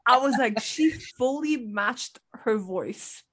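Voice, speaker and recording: A woman with a French Canadian accent chats as a podcast co-host in a fairly high voice. She talks in an animated way, filling her sentences with "like" and swearing freely. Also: slow pace, slightly rough. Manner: animated, swears casually, lots of "like". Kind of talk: casual chat.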